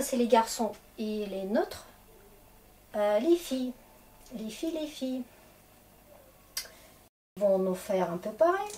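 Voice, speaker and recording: A woman's voice: on the high side, warm tone, recorded from a distance, slight background noise. A woman teaching a grammar lesson in a casual, chatty way, often checking in with her students to encourage them. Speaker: Russian teacher.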